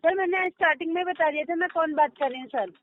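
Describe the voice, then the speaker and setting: A woman works as a loan recovery caller over a tinny phone line, high-pitched and dry. She stays polite but firm and keeps calling the man "sir". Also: fast talker, dry recording. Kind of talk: phone call.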